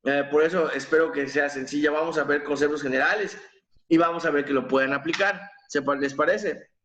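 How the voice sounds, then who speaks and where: A man teaching an online literature class, explaining slowly and patiently, with fillers and self-corrections. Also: fairly high pitch, steady tone, a bit bright, a little hiss or hum. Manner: slow, explanatory, counting syllables aloud with fillers and self-corrections. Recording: echoey room.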